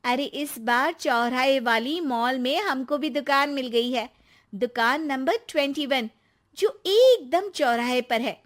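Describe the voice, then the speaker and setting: A woman's voice: high-pitched, a little slow. A woman voicing a chatty, bragging young daughter-in-law in a cartoon story. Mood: cheerful.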